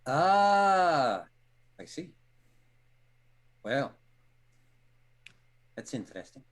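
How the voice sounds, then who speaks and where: A man playing a courtly, quizzical vampire in a tabletop game, halting and inquisitive. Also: on the high side, very animated, heavily acted. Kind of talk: tabletop role-play acting.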